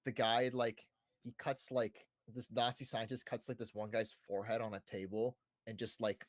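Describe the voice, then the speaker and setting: With a flat delivery at a moderate pace, a medium-pitched man rambles casually as co-host of a gaming podcast, often tacking on "like", "right" and "you know". The sound is clean studio audio with no echo, though background music plays.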